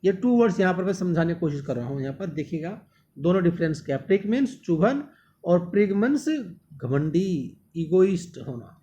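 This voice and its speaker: High-voiced man teaching vocabulary. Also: expressive, a little fast, mellow, lo-fi sound. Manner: repeats words often and calls the students "my dear". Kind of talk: exam-prep vocabulary lesson.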